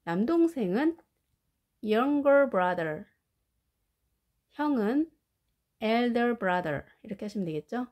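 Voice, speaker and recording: A woman with Korean as her first language, teaching English family words and slowly drilling their pronunciation. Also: fairly high pitch, very animated, darkish tone. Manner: slow, careful pronunciation drills. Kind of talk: vocabulary lesson.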